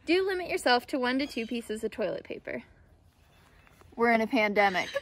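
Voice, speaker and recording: A woman's voice: a little high, big pitch swings, moderate pace. Upbeat young woman teaching outdoors. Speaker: outdoor skills instructor. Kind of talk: scripted instructional video. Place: backyard outdoors.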